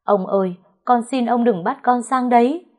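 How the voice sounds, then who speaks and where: A woman voicing a young female servant who pleads in a high, tearful voice. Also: moderate pace, a little mellow, close to an everyday voice. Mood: pleading.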